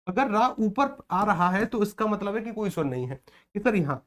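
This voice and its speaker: Hindi-speaking man teaching a grammar lesson. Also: sits high. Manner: repetitive, checks in with listeners often. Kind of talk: explaining mock test answers in a lesson.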